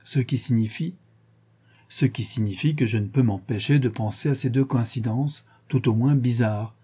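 A man voicing a stubborn, proud male police inspector who speaks insistently and sententiously, with a husky timbre. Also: medium pitch, moderate pace, dark tone, close to an everyday voice.

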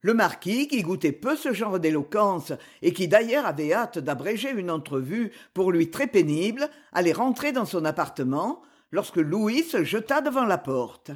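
A man narrating a classic novel in measured, literary storytelling. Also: high-pitched, very animated. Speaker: audiobook reader.

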